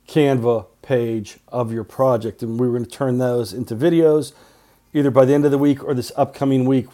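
A man's voice: mid-range voice, warm tone. A middle-aged male teacher recording class announcements for his students' podcast, talking in clipped short phrases with earnest reminders.

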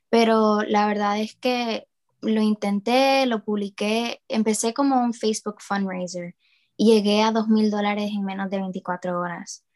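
In a casual interview, a young female student from New Orleans, USA, who founded a project, speaks as a guest. Her mid-range voice is slightly mellow, and her speech is full of hesitant fillers and restarts.

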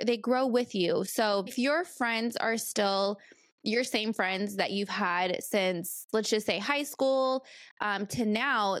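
A woman's voice: medium pitch, no echo. Chatty woman in her thirties, dry sound. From California. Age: 30s. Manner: chatty, rambling, many fillers. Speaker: podcast host. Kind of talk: casual solo podcast chat.

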